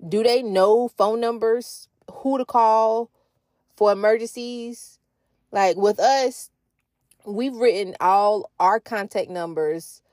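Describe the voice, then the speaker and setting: Her voice mid-range and darkish, a podcast-hosting mother in her thirties chats through a family story, pausing to pose questions to her audience. The casual monologue has clean studio sound and no echo.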